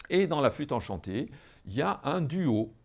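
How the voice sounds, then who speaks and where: A man's voice: mid-range voice, big pitch swings, normal speed, creaky. A man giving a podcast lecture on music history, explaining in a teacherly way to listeners, with many hesitations, fillers and restarts. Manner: addresses listeners directly, teacherly.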